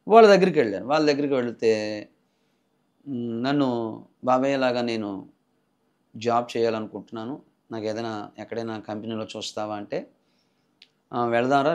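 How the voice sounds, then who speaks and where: A middle-aged man telling his personal religious testimony, swinging between loud, impassioned outbursts and low, hushed passages. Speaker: preacher giving testimony. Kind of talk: emotional spoken testimony.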